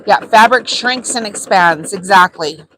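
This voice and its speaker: Woman, mid-pitched, casual live crafting-tutorial host, easygoing and chatty with filler ums. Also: measured pace, slight background noise, rough recording. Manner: chatty, relaxed, frequent ums. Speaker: sewing channel host.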